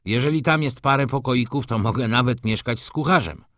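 A man's voice: medium pitch, brisk, fairly bright tone, no room sound, studio quality, voice pushed up, lightly acted. A man doing a pompous, bossy valet. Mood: haughty. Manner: commanding, condescending. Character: pompous self-important male valet, bossy and smug.

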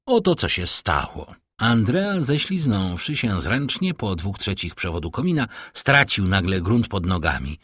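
A man narrating a classic novel as an audiobook, in an expressive, theatrical way. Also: lowish voice, measured pace, hardly any pauses, breathy edge, no echo, clean studio sound. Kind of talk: audiobook reading.

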